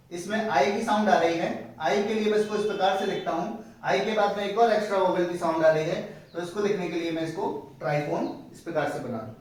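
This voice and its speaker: A man teaching a step-by-step lesson, slow and explanatory, repeating each word as he writes it. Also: high voice, a little mellow. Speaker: shorthand teacher. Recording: very echoey room, a bit distant from the mic.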